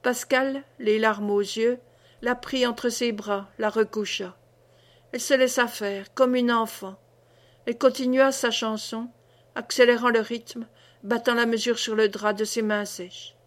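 A woman reading a classic novel aloud as an audiobook, with dramatic, measured narration. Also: fairly high pitch, steady tone. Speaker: audiobook reader. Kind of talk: scripted narration.

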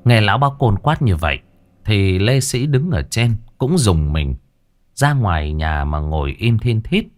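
A man narrating a horror story in a dramatic, expressive audiobook style. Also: on the low side, unhurried, faint music behind.

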